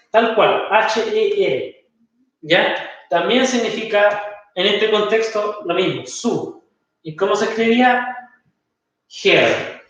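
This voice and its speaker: A man's voice: sits high, fairly bright tone. A man with a Chilean accent teaching an English class to students, explaining patiently and checking in often. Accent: Chilean Spanish. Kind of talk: recorded online class explanation. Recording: echoey room, far from mic, dull lo-fi.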